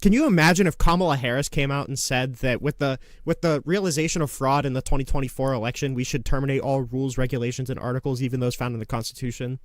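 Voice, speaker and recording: Brief: squeaky-voiced male debater, pushy and sarcastic, talks over people; dry close mic. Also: fast, hardly any pauses, no room sound. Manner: insistent, interrupting, sarcastic. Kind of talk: heated online debate.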